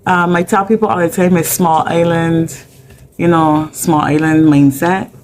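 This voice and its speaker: Barbadian lady in an interview, low voice, chatty and open, bit of faint hiss behind. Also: fairly even intonation, unhurried, a little mellow. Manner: candid, chatty, many fillers. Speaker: mental health advocate guest. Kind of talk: conversational interview.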